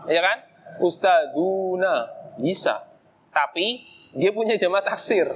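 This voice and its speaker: A man's voice: high voice, a bit bright, slight background noise. A man teaching an Arabic grammar lesson in a mosque, explaining casually and asking himself questions aloud as he goes.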